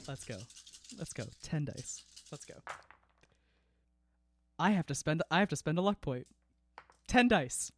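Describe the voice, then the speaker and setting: A man playing a tabletop game, chatting casually with boisterous, excitable energy. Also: fairly high pitch, unhurried, pauses often, a little hiss or hum.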